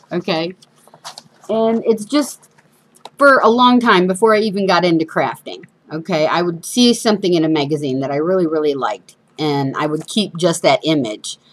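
A woman's voice: on the low side, moderate pace. A woman with whistling sibilants from missing front teeth, hosting a casual, chatty craft demonstration with informal, self-deprecating asides. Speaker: craft show host. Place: indoors at a craft table.

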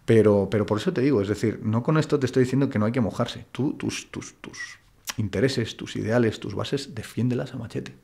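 A man's voice: medium pitch, a little fast, gravelly, a little mellow. A man from Spain with a Madrid accent, a guest in an interview, talking bluntly and colloquially. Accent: Spanish from Madrid. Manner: blunt, colloquial, full of "tío" and "macho". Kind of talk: casual interview chat.

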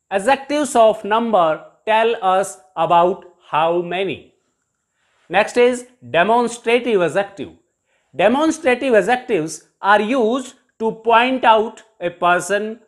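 A teacher with an Indian English accent delivers a televised grammar lesson at an unhurried pace. The voice is middle-pitched and each example is spelled out and repeated as a question and its answer.

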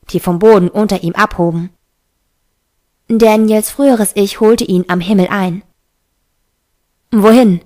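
A woman narrating a fantasy novel in an even, steady reading. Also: mid-range voice. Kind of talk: audiobook reading.

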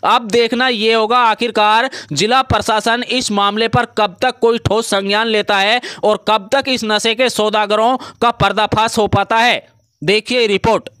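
A man's voice: sits high, steady tone, a little slow, sharp tone, smooth, no echo, clean studio sound. A man narrating a scripted local news report in a formal, read-out manner.

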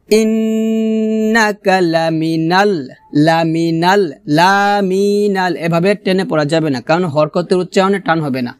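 A man with a Bangladeshi Bengali accent teaching Quran pronunciation, explaining quickly and then drawing out each recited word slowly. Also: on the high side, a little mellow, no room sound, clean studio sound. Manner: alternates quick explanations with slow, drawn-out recitation.

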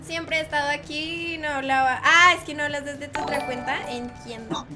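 Woman streamer, playful, teasing, high voice, music playing behind. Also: fairly even intonation, normal speed. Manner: playful, teasing, chatty with viewers. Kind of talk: live game stream chat.

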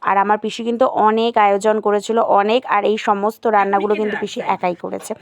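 A woman's voice: mid-range voice, level tone, a little fast, no room sound. A young woman, casually narrating her own vlog and chatting to viewers. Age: young adult. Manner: chatty, addresses viewers as "guys". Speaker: vlogger.

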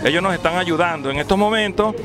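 A man speaking as a commune member in an outdoor street interview, measured and hesitant, into a handheld mic. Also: sits high, over loud music. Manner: measured, with fillers. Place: outdoors at a rural community meeting. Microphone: handheld reporter mic.

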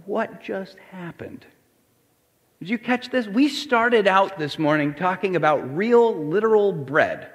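A man's voice: high-pitched, lively intonation, slow. A man preaching a sermon as pastor, acting out the crowd and Jesus in quoted voices. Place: church sanctuary. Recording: reverberant church hall.

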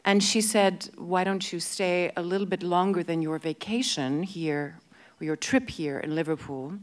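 A woman's voice: fairly low pitch, normal speed. A woman in her fifties, a guest actress in an on-stage interview, talking with handheld mic and hesitant restarts. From born in England, grew up in Canada. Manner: hesitant, many restarts and fillers. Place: large festival stage before an audience.

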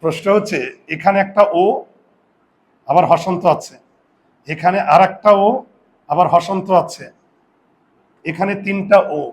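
A male teacher giving a classroom lesson, quizzing his students and drawing out sounds slowly. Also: high-pitched, steady tone.

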